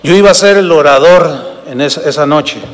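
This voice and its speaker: A man's voice: a little high, normal speed. An older man from Mexico with a Mexican Spanish accent preaching a sermon, telling a story emphatically and calling his listeners brothers. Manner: emphatic, repeats phrases, addresses listeners as brothers. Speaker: pastor. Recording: long reverb of a large hall.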